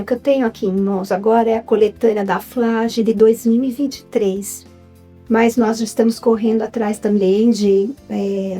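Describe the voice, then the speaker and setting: A woman with a Brazilian Portuguese accent, a writer and film producer, tells her story upbeatly as a guest in a casual interview. Her voice is fairly high, dark-toned, and slightly rough.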